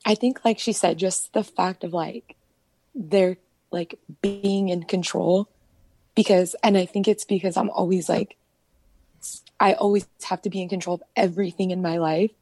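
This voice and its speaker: A woman's voice: lowish voice, steady tone, normal speed, darkish tone. A young woman in a casual group chat, speaking thoughtfully and hesitantly with many fillers. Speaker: guest.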